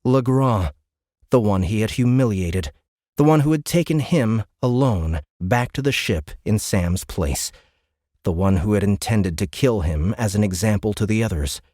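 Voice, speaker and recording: This science fiction audiobook is narrated by a man whose lowish, dark voice carries lively intonation, his storytelling measured and suspenseful. The recording is dry, made close to a studio microphone.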